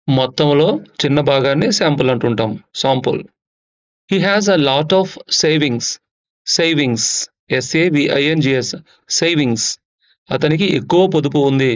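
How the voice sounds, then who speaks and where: A man teaching English vocabulary, reading example sentences slowly and explaining them in a brisker manner. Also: a little high, lo-fi sound. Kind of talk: vocabulary lesson.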